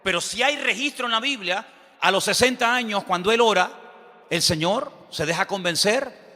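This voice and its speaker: Fervent preacher, long reverb. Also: male voice, high voice, expressive, moderate pace, bright, forceful tone. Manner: preaching with rhetorical questions and rising fervor. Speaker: pastor. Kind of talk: sermon.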